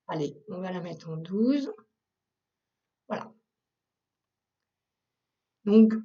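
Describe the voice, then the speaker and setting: A woman who trains people on Google Workspace, explaining a software task step by step with frequent fillers, recorded as a screen tutorial. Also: fairly high pitch, far from the mic, highs cut off.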